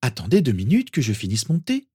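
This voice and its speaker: A man's voice: medium pitch, huge pitch swings, brisk, mellow, breathy edge, voice pushed up, exaggerated voice. A man voicing a cheerful, tough young woman who speaks in a breezy, offhand way.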